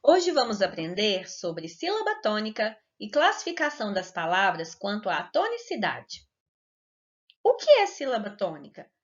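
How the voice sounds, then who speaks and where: Woman teacher for kids' video lessons: bright sing-song delivery, deliberate syllable stretching, muffled low-fi sound. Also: huge pitch swings. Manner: slow, clear and sing-song, stretching words to stress syllables. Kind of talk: recorded lesson for children. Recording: dull lo-fi recording.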